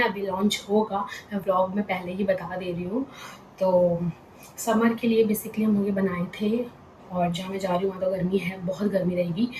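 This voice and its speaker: A young woman vlogging casually as she packs at home at night, thinking aloud and often dropping to a hushed near-whisper. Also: mid-range voice, echoey room, slight background noise, rough recording. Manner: chatty, thinking aloud, mixing in English words. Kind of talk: casual packing vlog chat.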